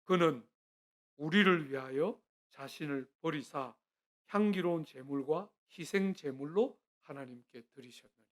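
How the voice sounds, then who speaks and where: A middle-aged man, a guest pastor, preaching a sermon in a church, earnest and swinging between quiet and loud. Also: fairly high pitch, unhurried. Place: church sanctuary.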